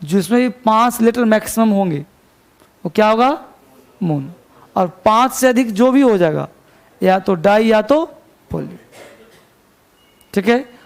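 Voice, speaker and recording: Male grammar teacher, high gravelly voice, dictates definitions slowly, quizzes the class. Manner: asks students rhetorical check questions. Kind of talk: classroom lecture.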